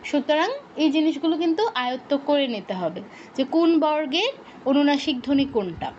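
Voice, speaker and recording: A woman teaching Sanskrit pronunciation in an online lesson, patiently asking questions, answering them herself and repeating sound drills slowly. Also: high-pitched, animated, a little mellow, dull audio, a little hiss or hum.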